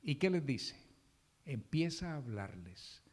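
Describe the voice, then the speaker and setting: A man's voice: mid-range voice, sing-song, slow, darkish tone. A male pastor preaching a sermon, asking the congregation questions and answering them himself, with emphatic stress on key words.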